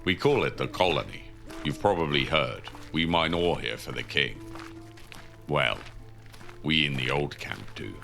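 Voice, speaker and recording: A male actor plays a seasoned convict with an extremely low, gravelly voice. He is a worldly, cynical prison inmate in an audio drama, speaking matter-of-factly with a forceful edge over background music. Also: expressive, unhurried, full character voice. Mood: matter-of-fact, wry. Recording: music under the voice.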